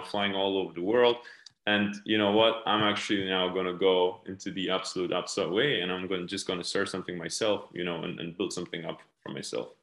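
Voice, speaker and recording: Male podcast host, somewhat low voice, loose filler-laden interviewer, echoey room. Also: a bit bright. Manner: rambling questions full of fillers. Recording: roomy echo.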